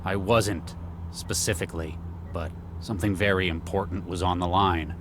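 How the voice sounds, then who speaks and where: Very deep, grave male agent played by an actor. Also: steady tone, normal speed, noisy background, close to an everyday voice. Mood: calm, persuasive. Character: grave, remorseful male agent and scientist, calm and persuasive. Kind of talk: video game voice acting.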